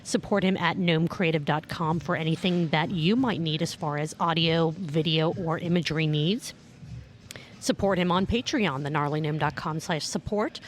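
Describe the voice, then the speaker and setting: A woman co-hosting a casual beer podcast, bubbly and teasing, rattling off plugs quickly. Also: deep voice. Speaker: podcast co-host. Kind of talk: casual chat over beers. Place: home room, drinking beer.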